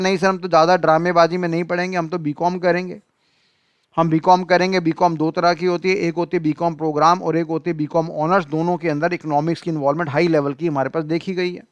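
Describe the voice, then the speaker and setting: A man's voice: a little high, clear, resonant tone, dry recording. A man teaching an economics class in style lecture, talking to students as "beta" and acting out their excuses.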